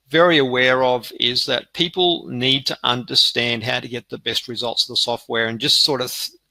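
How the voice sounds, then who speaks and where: Sharp-voiced man presenting on a video call. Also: medium pitch, no echo, rough recording. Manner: loose, conversational presenting that circles back on itself. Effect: heard over a webinar video call. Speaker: webinar presenter. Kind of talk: live webinar presentation.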